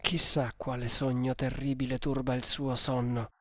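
A man voicing a devoted male servant who murmurs softly to his troubled master. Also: medium pitch, little pitch movement, normal speed, dry recording, clean studio sound, natural voice. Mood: worried. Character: devoted male servant, warrior-born, gentle and caring.

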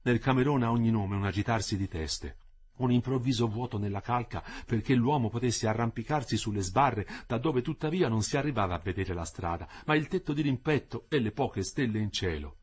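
A man reading a novel aloud as narrator, in an expressive, dramatic way. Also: medium pitch, fairly quick, slightly rough.

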